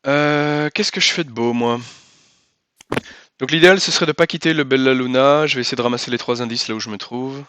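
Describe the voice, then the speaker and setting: A man's voice: medium pitch, a little fast, fairly bright tone, clear, resonant tone, dry recording. A man giving casual gameplay commentary, thinking aloud as he explains rules and moves and repeating himself for emphasis. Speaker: host and player of a cooperative card game.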